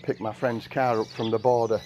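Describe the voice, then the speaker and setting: An older man with an English accent chatting casually while washing his car, in a monotone voice and a rambling storytelling manner. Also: medium pitch, moderate pace, noisy background. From England. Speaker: vlogger. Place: outdoor carport of a house. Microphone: camera mic from a few meters away. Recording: outdoor camera audio with birdsong. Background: birds and rural outdoor ambience.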